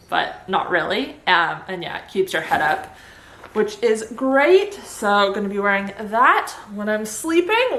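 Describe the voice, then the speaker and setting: Woman, bright forceful voice, casual vlog chat, upbeat and informal, roomy echo. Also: medium pitch. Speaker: vlogger sharing surgery recovery tips.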